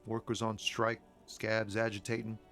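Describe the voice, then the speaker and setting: A man's voice: lowish voice, monotone, a little slow, a bit bright, faint music behind. A man playing a laid-back, breezy traveler in a video game, with slangy, singsong talk.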